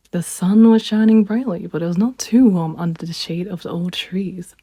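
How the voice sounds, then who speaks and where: A woman reading a children's fairy tale aloud in a gentle, expressive way. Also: mid-range voice, dry recording, clean studio sound. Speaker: storyteller.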